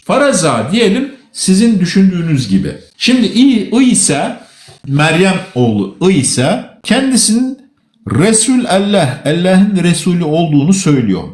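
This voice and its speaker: A man's voice: sits high, a little mellow. Lecturing man in an echoey room. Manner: lecturing, argumentative, repeats words for stress. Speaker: host. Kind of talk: live online religious debate.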